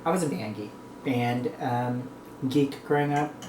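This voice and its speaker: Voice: mid-range voice, measured pace. Echoey, rambling mukbang vlogger talking while eating, North American. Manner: rambling, reflective. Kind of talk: casual chat to viewers while eating, mukbang. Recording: echoey room with clear background noise.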